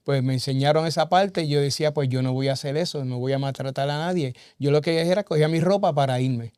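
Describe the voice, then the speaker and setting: A man's voice: a little high, fast talker, darkish tone, clean tone, dry recording, clean studio sound. Earnest man giving a spoken testimony. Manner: earnest, storytelling with many "verdad" and "eh" fillers. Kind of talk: conversational testimony.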